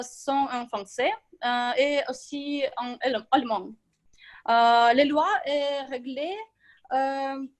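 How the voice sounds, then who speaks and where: Speaking at a club, this Ukrainian woman with a high voice presents a speech she has prepared, though her delivery is halting. Raised with Russian and Ukrainian, she fills pauses with sounds and often starts words over.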